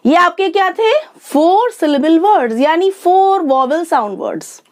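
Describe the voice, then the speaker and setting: High, animated Indian woman teaching slowly. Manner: sounds out words slowly, syllable by syllable. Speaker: English teacher. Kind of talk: online lesson explaining syllables.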